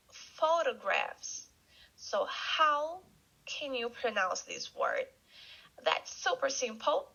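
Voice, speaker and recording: A woman teaching an English vocabulary lesson, speaking slowly and repeating words for learners to echo. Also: high voice, gravelly, sharp tone. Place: Canada. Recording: dull lo-fi recording.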